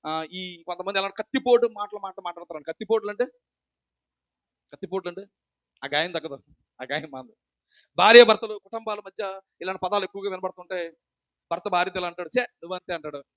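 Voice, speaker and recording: A man's voice: high voice, fast talker, long pauses, fairly bright tone, no echo, poor audio. A man preaching a sermon, asking rhetorical questions and repeating his points. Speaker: pastor.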